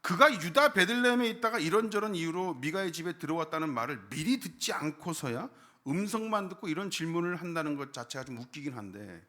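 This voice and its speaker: In a church sanctuary, a pastor preaches a Sunday sermon, putting questions to the congregation while his slightly high, sharp voice rises and falls dramatically.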